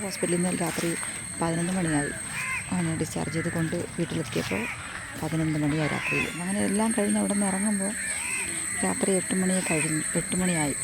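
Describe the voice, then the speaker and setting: Hoarse woman vlogging fast outdoors. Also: lowish voice, fairly even intonation, very noisy. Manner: chatty and rambling, repeats phrases. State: hoarse, losing voice. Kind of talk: casual walking vlog. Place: outdoors on a rural path. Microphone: phone front camera at arm's length.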